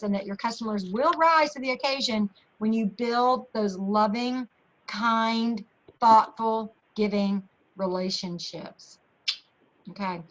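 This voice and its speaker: A woman leading her sales team in a motivational talk on a video call, chatty and energetic, repeating phrases for emphasis. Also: on the high side, low-quality recording.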